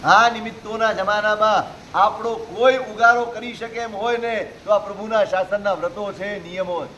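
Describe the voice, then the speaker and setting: A man's voice: sits high, steady tone, moderate pace, sharp tone, a little hiss or hum, low-quality recording. A man preaching a sermon to a live audience, pressing them with rhetorical questions and exhortations. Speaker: Jain preacher.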